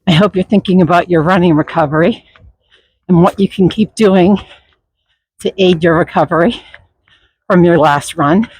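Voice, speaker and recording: A runner talking while out running, reflecting in a motivational vlog in short, broken, unscripted phrases with pauses. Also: medium pitch, breathy edge, dry recording, low-quality recording. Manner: reflective, halting, unscripted delivery. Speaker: runner vlogging.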